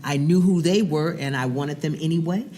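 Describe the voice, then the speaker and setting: A middle-aged woman, a business owner, talking as a guest in a casual interview, animated and often repeating words as she starts a thought. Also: low voice, moderate pace, a little hiss or hum.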